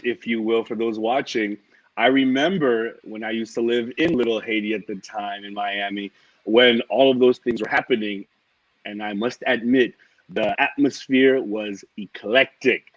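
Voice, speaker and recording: A man's voice: medium pitch, steady tone, unhurried, no echo. A man moderating a panel interview, a youth minister asking friendly questions. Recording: dull, distant, dry call audio.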